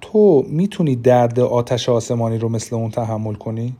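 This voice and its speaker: A man reading an audiobook, voicing a loyal, defiant young prince who speaks loudly and indignantly. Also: mid-range voice, natural voice. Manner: loud, indignant.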